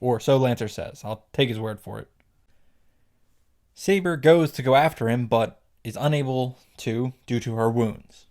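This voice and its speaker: A video creator recaps and reacts to a game in scripted commentary that's wry, joking, and sprinkled with sarcastic asides and some swearing. His voice is medium-pitched and darkish, a little slow, with background music playing behind it.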